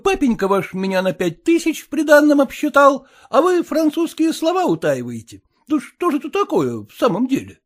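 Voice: high-pitched, very animated, normal speed, hardly any pauses. A reader voicing a newly married husband who coaxes and nags his wife in folksy, old-fashioned speech. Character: newly married merchant husband, pushy and coarse.

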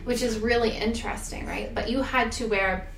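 A woman's voice: on the high side, steady tone, normal speed, fairly bright tone. A young woman chatting casually as a podcast guest, with a bubbly, sorority-girl Valley Girl way of talking. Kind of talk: casual chat. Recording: echoey room, faint background noise.

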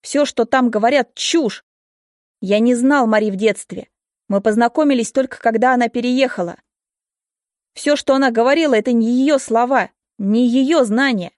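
A woman's voice: a little high, a little mellow, no echo, clean studio sound, pitched above the performer's own voice, natural voice. A woman voicing an anxious young man, the wife's ex-husband, who urgently pleads to be heard. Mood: urgent pleading. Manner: hurried, pleading.

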